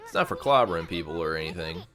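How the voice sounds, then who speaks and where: A man's voice: low-pitched, lively intonation, fast talker, pitched below the performer's own voice. A man reading as a brash tiny artist sidekick. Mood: cocky. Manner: brash, teasing. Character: cheeky tiny male wandering artist sidekick.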